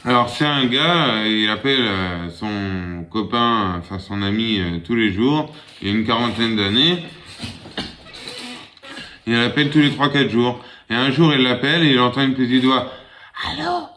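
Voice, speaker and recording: A man tells one joke after another in an easygoing, chatty way. His storytelling is loose and full of fillers, and he lifts his pitch whenever he quotes a character. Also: moderate pace, bright, forceful tone, slight background noise. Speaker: joke teller. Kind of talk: casual joke telling.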